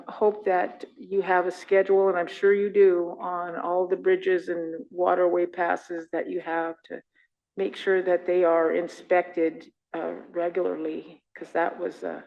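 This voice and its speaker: A woman's voice: lowish voice, gravelly, lo-fi sound. A woman council member giving earnest, rambling remarks at a meeting.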